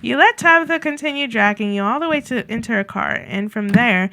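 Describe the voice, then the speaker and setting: A woman playing through a narrative game, reading the text aloud and reacting in a chatty, excitable way. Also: on the high side, brisk, heavy background noise. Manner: chatty, excitable, laughs a lot. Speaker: game streamer. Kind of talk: let's play commentary and reading aloud.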